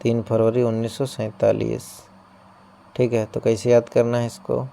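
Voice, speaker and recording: A man teaching an exam-prep coaching class explains ideas through playful memory tricks and checks in with his students often. His medium-pitched voice is mellow with vocal fry, delivered flatly at a normal speed.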